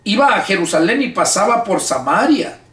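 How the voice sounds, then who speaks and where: A man's voice: high voice, sing-song, moderate pace, fairly bright tone, reverberant, distant mic. A male pastor leading a Bible study, reading scripture aloud and then explaining it in casual, everyday words with frequent restarts. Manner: casual, colloquial speech with repeated restarts.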